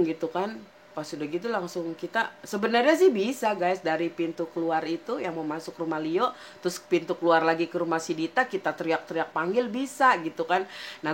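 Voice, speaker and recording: A woman's voice: lowish voice, slight background noise. A young woman tells a personal ghost story in casual chat, acting out her friends' lines as she goes. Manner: chatty, acts out friends' lines. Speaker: horror story narrator.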